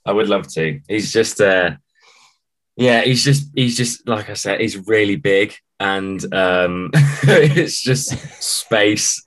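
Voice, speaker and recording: A man with a British accent, chatting casually as an interview guest in a halting, matey way. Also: fairly low pitch, lively intonation, fairly bright tone. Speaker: band musician, interview guest. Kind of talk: casual chat.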